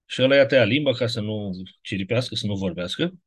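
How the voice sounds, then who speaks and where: Male lecturer, low husky voice, loose digressive classroom delivery. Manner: digressive, keeps checking in with rhetorical questions.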